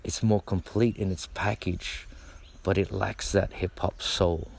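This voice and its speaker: A middle-aged b-boy talks to camera in a casual, laid-back monologue, rambling, swearing freely and repeating words. His voice is low and a little mellow, with vocal fry, fairly even intonation and a slightly slow pace.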